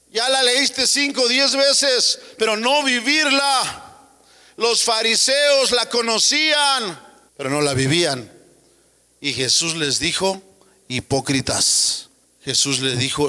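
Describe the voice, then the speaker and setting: A man preaching a sermon with passion, firing rhetorical questions and rising to shouts. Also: a little high. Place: church. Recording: long church hall reverb.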